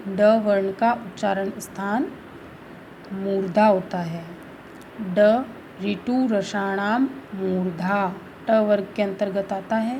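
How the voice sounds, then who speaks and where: A woman teacher explaining a school lesson slowly and carefully, reading each line first and then explaining it. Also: medium pitch, darkish tone, slight background noise, rough recording. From India. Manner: slow, careful explanation, reads Sanskrit then explains in Hindi.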